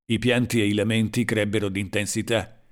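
A man reading a literary story aloud in a slow, dramatic and measured way. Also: on the low side, level tone. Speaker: audiobook narrator. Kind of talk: scripted literary narration.

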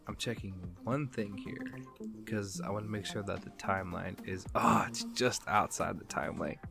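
Low gravelly man rambling about games. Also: normal speed, over music. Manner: rambling, self-correcting, often repeats words. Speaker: podcast co-host. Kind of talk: casual chat.

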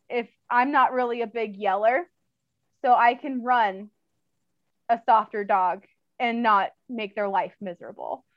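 A woman's voice: medium pitch, dry recording. A woman who trains dogs, speaking as an interview guest in a casual, chatty way, full of fillers and laughter, on slightly dull audio.

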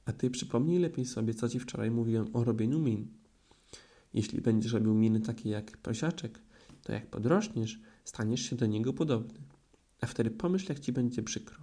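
A man's voice: mid-range voice, moderate pace, dark tone, close to an everyday voice. A man voicing a kindly but firm mother kangaroo in a storybook reading, coaxing and motherly. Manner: coaxing, bossy-sweet.

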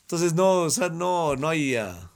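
A man's voice: fairly high pitch, big pitch swings, a little slow, creaky. A man, a guest in casual chat, rambling and self-mocking and laughing often.

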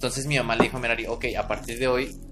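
A man's voice: mid-range voice, flat delivery, very fast, music in the background. A man with a Mexican accent, telling a creepy childhood story in casual chat and often checking in with his listener. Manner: tells a spooky tale, checking in with "¿no?" and "¿verdad?". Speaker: podcast storyteller.

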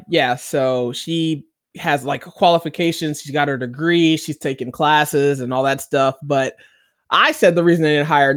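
Man, fairly high voice, rambling recap, lots of fillers, dry close sound. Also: fairly bright tone, no room sound. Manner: rambling, filler-heavy storytelling with acted-out quotes. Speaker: podcast co-host. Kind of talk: casual chat recapping a TV episode.

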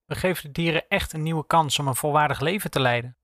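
A man voicing an enthusiastic male animal shelter worker being interviewed on TV, speaking softly. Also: a little high, fast, no echo, studio quality, natural voice. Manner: soft-spoken, enthusiastic.

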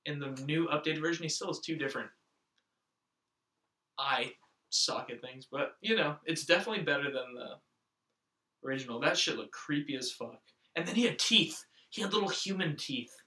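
A man's voice: a little high, lively intonation, moderate pace, long pauses, pushed and bright, echoey room, recorded from a distance. A man hosting a casual comedic podcast chat, crude and swearing freely. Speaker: podcast host.

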